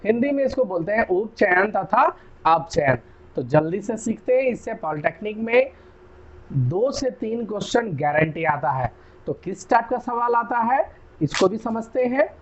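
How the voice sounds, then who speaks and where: A young Indian man with an Indian accent, giving a chatty chemistry lesson and often checking "clear?". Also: high-pitched, expressive, moderate pace, dull audio, a little hiss or hum. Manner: chatty, repeats key terms, asks "clear?". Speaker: chemistry teacher. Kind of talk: casual classroom lecture.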